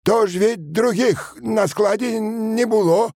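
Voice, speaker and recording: A man's voice: sits high, slow pace, darkish tone, no echo, clean studio sound, voice pushed up, full character voice. A man voicing a cowering bearded workman who pleads and stammers. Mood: pleading.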